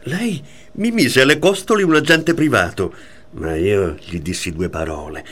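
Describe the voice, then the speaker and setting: A man reading the part of a tormented man caught between his wife and his mistress in a radio play, in a clipped, halting delivery. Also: fairly low pitch, fairly bright tone.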